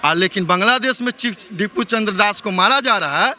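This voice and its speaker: A man from West Bengal, India speaks up high and sharp in a street interview, firing off heated rhetorical questions. His voice is very bright and cutting, with a faint hum of noise around him outdoors. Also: lively intonation, brisk.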